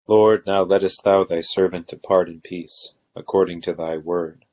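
A man with a low voice leads evening prayer. His delivery is solemn and measured, with little rise or fall as he recites the liturgy. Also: steady tone, darkish tone. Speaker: officiant leading evening prayer.

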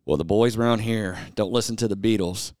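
A man's voice: lowish voice, moderate pace, a little mellow, no echo, studio quality. Man half-singing lyrics as a joke. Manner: reads song lyrics in a half-sung, joking way. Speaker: podcast co-host. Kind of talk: casual chat and comic read-singing of lyrics.

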